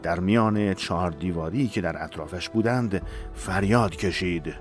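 A man reading a dramatic novel aloud in a measured, emotive storytelling voice. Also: sits low, soft background music. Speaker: narrator. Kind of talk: dramatic audiobook narration.

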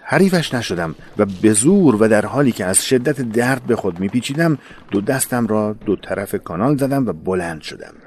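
Guy reading a memoir out, solemn and measured, kinda low voice, faint hiss behind. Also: a little mellow. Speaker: narrator of a war memoir. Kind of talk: scripted first-person narration.

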